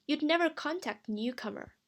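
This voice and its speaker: A woman's voice: high voice, lively intonation, a little fast, voice pushed up. A woman voicing a haughty, insecure young witch who protests indignantly. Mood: protesting.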